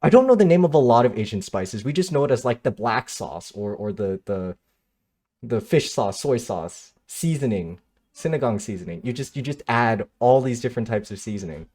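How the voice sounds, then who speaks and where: A young man livestreams in a loose, conversational way, speaking candidly and cursing casually. His voice sits at a mid pitch but swings up and down with lively intonation as he reacts to chat. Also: moderate pace. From Michigan, United States. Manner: candid, frustrated, swears casually, answers chat.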